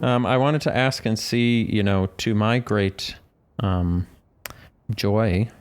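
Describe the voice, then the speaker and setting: A man's voice: lowish voice, takes it slowly, smooth. A man co-hosting a casual podcast, telling stories in a rambling, self-interrupting way. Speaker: podcast co-host.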